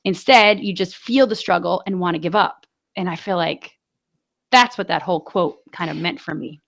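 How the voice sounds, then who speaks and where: A woman's voice: lowish voice, moderate pace, gravelly, fairly bright tone. A woman in her forties chatting casually as a podcast co-host, telling stories full of fillers and light laughter. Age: 40s. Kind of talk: casual chat.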